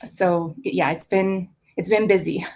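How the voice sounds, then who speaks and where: A young woman from Costa Rica talks through her ideas in an interview, pausing on "um" and "uh" as she goes. Her voice sits a little low for a woman, and she speaks with a steady, reflective flow. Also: vocal fry. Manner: thoughtful, many fillers and restarts. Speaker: artist guest. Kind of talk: conversational interview.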